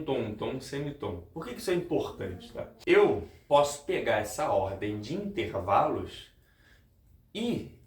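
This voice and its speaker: A man's voice: a little high, a little mellow. A male music teacher giving a guitar lesson, explaining step by step, repeating key points and speaking straight to his viewers. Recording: roomy, with guitar playing.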